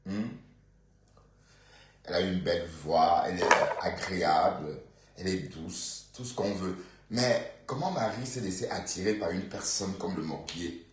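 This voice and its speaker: Chatty Congolese man, low, echoey. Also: unhurried, noisy background. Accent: Bandundu Congolese French. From Bandundu, Congo. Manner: chatty, rambling, with many fillers, asides to viewers. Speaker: live-stream commentator. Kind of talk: casual live-stream gossip commentary.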